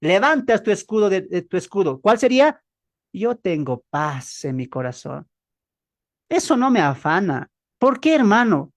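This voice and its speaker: A man preaching a Bible class sermon, asking the audience questions and acting out both sides of dialogues with changing pitch and pace. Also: very animated, unhurried. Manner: dramatic, acts out dialogues with shifts in pitch and pace; asks the audience rhetorical questions. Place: church hall, also streamed on a video call.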